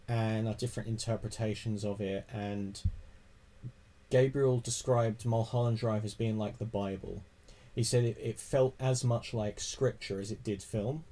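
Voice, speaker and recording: A man in a casual movie-night chat, with a mellow, warm voice at an everyday pitch. His delivery is dry, critical and relaxed. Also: low-quality recording. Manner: dry, mocks films with put-on voices. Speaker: podcast co-host. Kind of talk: casual film discussion.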